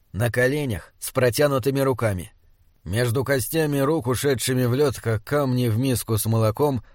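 A man narrating an audiobook in a measured, descriptive way. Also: medium pitch, darkish tone, no echo, studio quality.

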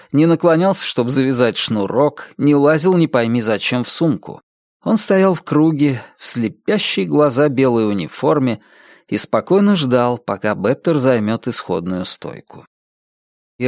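A man reading an audiobook aloud, expressive and pacing the tension. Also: medium pitch, dry recording, studio quality. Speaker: narrator.

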